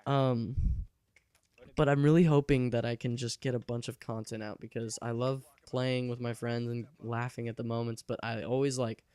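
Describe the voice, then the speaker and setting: Rambling teenage guy, mellow smooth voice. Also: mid-range voice, little pitch movement, moderate pace, no room sound. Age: late teens. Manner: rambling, chatty, laughs often. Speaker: gaming channel host. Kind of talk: casual gameplay commentary. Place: alone at home by his computer.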